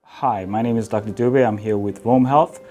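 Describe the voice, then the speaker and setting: A man from Zimbabwe, a podiatrist, introducing himself earnestly, with frequent pauses and fillers. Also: lowish voice. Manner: earnest, hesitant, many fillers. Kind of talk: introductory clip to camera. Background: soft guitar music.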